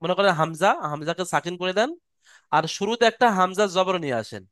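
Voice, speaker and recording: High, smooth-voiced man teaching online. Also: fairly bright tone, no room sound, clean studio sound. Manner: patient, demonstrates sounds slowly and repeatedly. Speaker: Quran recitation teacher. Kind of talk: online class lesson. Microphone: computer mic on a video call.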